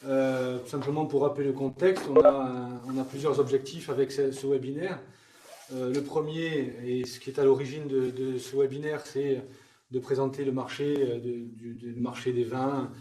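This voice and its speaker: A man hosting a webinar introduction informally, haltingly repeating words as he searches, heard in a roomy, distant recording. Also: mid-range voice, flat delivery. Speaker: webinar host giving introduction. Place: training room with attendees. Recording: roomy, distant mic with faint noise.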